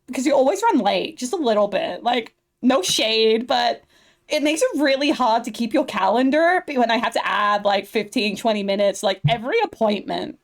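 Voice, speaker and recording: A woman's voice: on the high side, very animated, moderate pace. A woman voicing a bubbly young Valley Girl assistant, ditzy and gushing with lots of "like". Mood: eager. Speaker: player character Asha.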